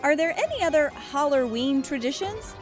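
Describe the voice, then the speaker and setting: A woman's voice: high voice, lively intonation, normal speed, soft background music, pitched above the performer's own voice. A woman voicing a polite, proper young girl who speaks primly. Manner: prim and polite.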